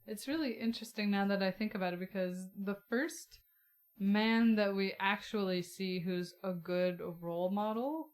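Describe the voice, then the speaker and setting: A woman's voice: medium pitch, normal speed. A young woman co-hosting a casual book-discussion podcast, blunt and emphatic, swearing freely as she makes her points. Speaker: podcast co-host.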